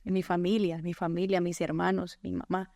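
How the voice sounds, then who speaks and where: A woman's voice: on the low side, level tone, creaky, warm tone, no echo, studio quality. Colombian woman sharing her faith story. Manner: earnest storytelling, quick to laugh, quotes herself and God. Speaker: guest. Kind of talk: personal faith testimony in conversation.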